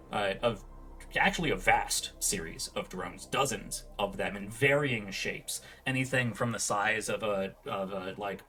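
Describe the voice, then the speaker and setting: A man narrating a tabletop game as game master, improvising scenes in a halting, self-correcting way. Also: on the low side, fairly bright tone.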